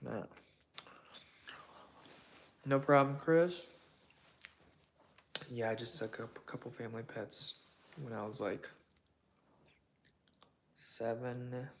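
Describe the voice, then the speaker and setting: A young man hosting a casual question-and-answer chat from his home kitchen, relaxed and rambling with lots of fillers and hedges. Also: medium pitch, slow, long pauses. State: voice partly worn from shouting days before. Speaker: channel host answering viewer questions.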